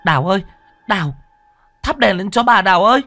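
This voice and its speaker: Male narrator as a panicked middle-aged housewife, loud, high, frantic, storybook. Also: animated, brisk, no echo, clean studio sound, soft background music, full character voice. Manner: frantic calling out.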